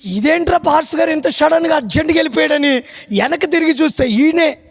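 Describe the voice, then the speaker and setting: A man preaching a sermon as pastor, telling a comic story and shouting praise calls to the congregation. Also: very high-pitched, brisk. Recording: hall reverb.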